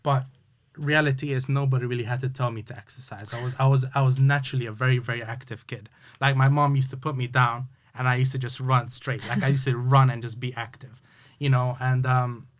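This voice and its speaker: A Hungarian youth sports coach, whose first language is Hungarian, tells his story as a guest in a casual interview. His voice is middle-pitched and fairly even in intonation, and he talks briskly and earnestly, though he halts often with lots of fillers and restarts.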